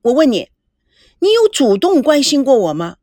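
Young woman, hurt and near tears, high-pitched and loud with it, voiced by a female narrator. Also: big pitch swings, moderate pace, no echo, clean studio sound. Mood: upset, accusing. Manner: loud, tearful, accusing.

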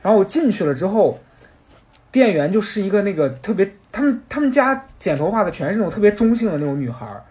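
A man telling a rambling, animated story in casual podcast chat. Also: sits high, quick pace.

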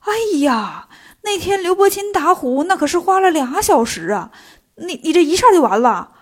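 Woman voicing a fretful chatty monk guy, wry, high voice, storybook. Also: lively intonation, moderate pace, darkish tone. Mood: astonished. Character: timid, chatty male traveling monk.

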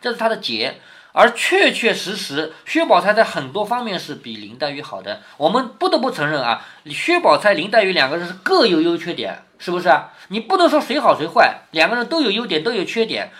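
A man's voice: high-pitched, sing-song, a little fast, fairly bright tone. A man reading a classic novel to his daughter, stopping often to explain and ask her questions. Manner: explanatory, asks the listener questions. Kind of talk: storytelling with running commentary.

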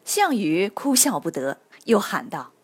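A woman narrating history stories for children in a lively, expressive storytelling manner. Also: mid-range voice, measured pace, slightly rough.

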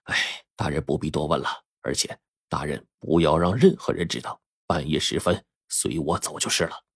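A man voicing a secretive male messenger who speaks in a low, hushed voice in a told tale. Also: huge pitch swings, slow, slightly rough, dry recording, studio quality, exaggerated voice.

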